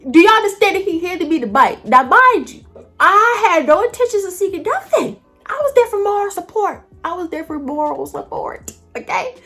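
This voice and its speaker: High-voiced woman telling a lively story. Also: normal speed, faint music behind. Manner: animated, colloquial, talks straight to viewers. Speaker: storytime vlogger. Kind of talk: casual storytelling to camera.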